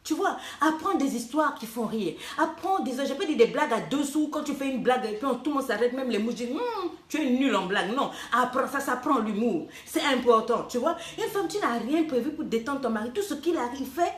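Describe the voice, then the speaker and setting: A woman relationship coach giving lively, teasing advice, slipping English phrases into her talk. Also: high voice, brisk, hardly any pauses. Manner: teasing, playful, animated, mixing in English phrases. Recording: echoey room.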